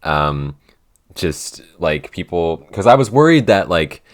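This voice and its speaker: A podcast co-host who also writes for the show chats casually in a low-pitched, very animated voice, though he speaks slowly. He rambles and leans heavily on the word "like."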